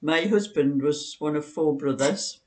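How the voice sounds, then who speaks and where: Seated on a sofa in her living room, a woman in her sixties who vlogs about knitting chats casually, rambling through anecdotes. Her voice is low and somewhat dark, and she speaks at a measured pace.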